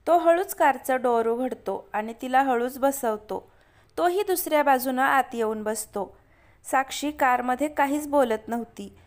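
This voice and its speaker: A woman narrating a family story in a steady, plain reading. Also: sits high, unhurried.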